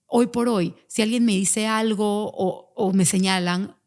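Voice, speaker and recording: A woman telling a personal parenting story in an animated monologue, acting out the voices of the people she quotes. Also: medium pitch, a little slow. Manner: animated, acts out quoted voices, mixes in English words.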